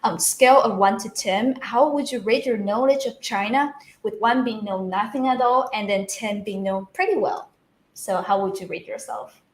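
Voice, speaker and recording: A woman hosting a livestream interview, upbeat and prompting her guests with quick questions. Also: a little high, a little hiss or hum. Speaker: livestream host. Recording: roomy echo.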